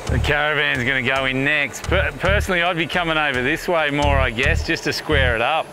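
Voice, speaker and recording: A man's voice: a little high, brisk, noisy background. A man chatting casually outdoors, coaching in colloquial speech with "eh" tags. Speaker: off-road adventurer guiding a vehicle crossing. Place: outdoors at a bush creek crossing.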